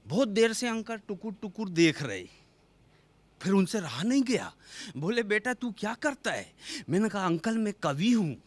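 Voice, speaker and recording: A man's voice: high-pitched, sing-song, normal speed, no echo. A man telling comic stories on stage, acting out characters in changed voices. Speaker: stand-up comedian. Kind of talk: stand-up comedy storytelling.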